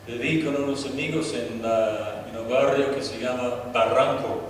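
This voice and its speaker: Speaking a language other than his native English, an older Australian guest preacher recounts his personal testimony in a mid-range voice. He goes slowly and deliberately, groping for words and pausing so an interpreter can follow. An echoey hall and a far-off mic make the recording noisy.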